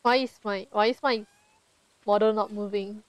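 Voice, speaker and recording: A woman's voice: medium pitch, fairly even intonation, moderate pace, clean tone, poor audio. A woman streamer chatting casually and giggling often while playing a farming game with a friend. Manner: giggly, laughs often, playful banter. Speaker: streamer host.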